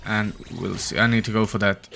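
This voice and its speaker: A man hosting a gaming channel, giving casual, tired, low-energy commentary as he thinks aloud while playing. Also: little pitch movement, fairly quick, gravelly, pushed and bright, slight background noise. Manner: opens with a put-on peppy intro voice.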